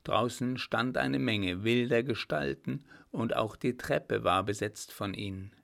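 Gravelly male audiobook narrator. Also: unhurried. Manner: steady storytelling, voicing characters with small lifts in pitch. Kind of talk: scripted narration of a historical novel.

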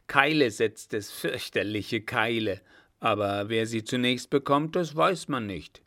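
A man voicing a blustering, gruff old field marshal who bellows brusquely. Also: mid-range voice, unhurried, a bit bright.

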